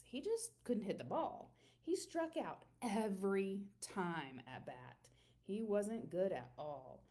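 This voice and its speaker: In an expressive storytelling style, a woman reads a picture book for children, drawing words out and stressing them dramatically, her pitch staying medium.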